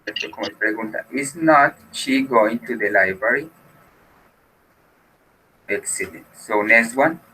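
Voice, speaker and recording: A man's voice: mid-range voice, slow, pauses often, sharp tone, slight background noise, low-quality recording. A man teaching an English class who explains patiently and switches between Spanish and English.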